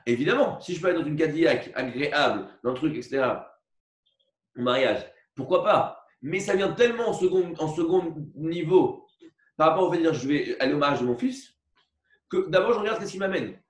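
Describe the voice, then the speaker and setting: A man teaching a religious lesson, explaining slowly with many repetitions and asides and asking for agreement. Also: on the high side, lively intonation. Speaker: Torah teacher. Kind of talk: religious lecture with a parable. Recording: echoey room recorded from far off.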